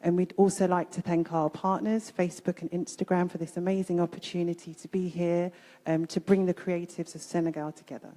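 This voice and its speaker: A woman's voice: fairly low pitch, level tone, normal speed, warm tone. A woman panelist introducing herself upbeat, with frequent "um"s. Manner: upbeat, many "um"s. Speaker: panelist, event founder. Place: event hall. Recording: long hall reverb.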